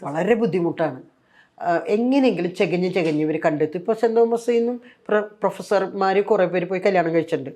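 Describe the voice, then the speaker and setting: Older woman, kerala malayalam accent, animated storytelling, mimics quoted voices, lots of fillers. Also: lowish voice, fairly quick. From Kerala, India. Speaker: interviewee, former nun. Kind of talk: conversational storytelling.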